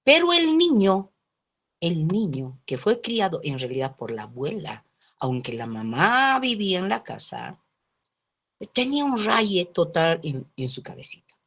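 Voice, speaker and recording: Lower-pitched woman telling classroom anecdotes. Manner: lively storytelling, often adds checking tags like "¿no?" and "¿sí?". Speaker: sociology lecturer. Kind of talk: lecture told through anecdotes.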